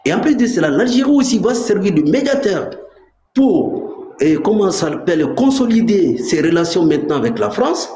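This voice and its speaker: A man's voice: high voice, very animated, normal speed, warm tone. A man giving insistent, emphatic political commentary as a caller on a live talk show. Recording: echoey room with faint noise.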